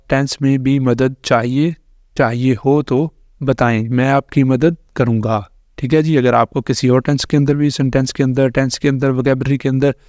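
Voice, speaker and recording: A man, explaining English grammar and pronunciation slowly and repetitively in a tutorial. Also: medium pitch, a little mellow, no echo. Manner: slow, repetitive explaining with frequent fillers. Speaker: English teacher. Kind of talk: screen-recorded tutorial explanation.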